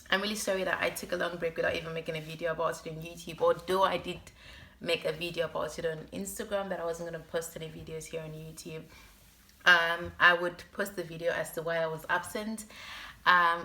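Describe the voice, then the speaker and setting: Young female vlogger, sore throat, lowish bright voice, chatty and expressive storytime delivery. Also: creaky. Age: young adult. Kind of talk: casual personal storytime to camera.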